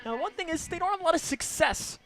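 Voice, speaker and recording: A man's voice: very high-pitched, lively intonation, a bit bright. Stat-reading radio football announcer, a man. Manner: reads off stats quickly, banters with co-host. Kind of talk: pregame football radio talk.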